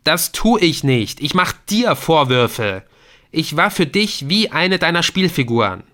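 A man's voice: mid-range voice, animated, a little slow, a bit bright, pitched above the performer's own voice. A man voicing a grieving young son who speaks in a raw, accusing, pleading way in an audiobook.

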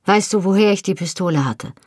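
A woman reading an audiobook voices a fierce, proud young Highland husband, speaking low and rough with passion. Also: a little fast, darkish tone, no room sound, clean studio sound, lightly acted. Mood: raw, pained.

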